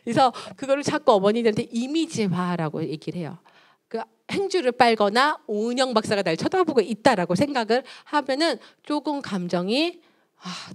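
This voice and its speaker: A woman lecturing on child development at a church, lively and animated, acting out little scenes between mothers and children. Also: mid-range voice. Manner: animated, acts out mothers and children in quoted voices. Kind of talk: parenting lecture. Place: church hall.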